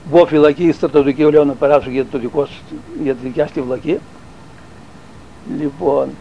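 Older man, fairly high voice, rambling oral-history teller, dull lo-fi tape. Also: mellow. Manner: rambling, halting, with restarts and fillers. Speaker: interviewee recalling army service.

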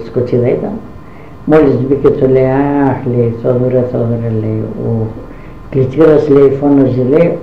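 A woman's voice: very deep voice, slight background noise. An older woman tells a family story from her past in an interview, acting out who said what. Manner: animated, acts out dialogue with many "she says" tags. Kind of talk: oral history storytelling. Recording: echoey dull lo-fi recording.

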